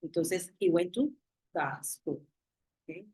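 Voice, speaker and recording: A woman with a low, husky voice teaches an online English class over a video call. She moves between Spanish and English and explains slowly, one example at a time. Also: animated, mellow, poor audio.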